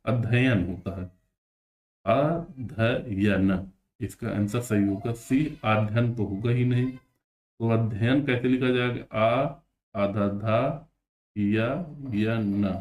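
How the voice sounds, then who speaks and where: A man's voice: medium pitch, darkish tone. Male teacher, exam-prep spelling lesson, patient and repetitive, drags words out syllable by syllable. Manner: explains patiently, repeats words slowly.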